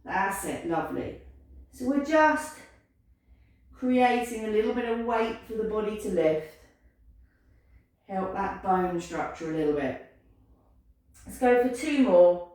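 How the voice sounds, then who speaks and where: Gentle woman teaching pilates, echoey. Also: medium pitch, lively intonation, measured pace, long pauses. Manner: encouraging, gentle cueing, counts down aloud. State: slightly out of breath at times. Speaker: pilates instructor. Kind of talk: guided exercise class instruction. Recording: echoey room, voice from a distance.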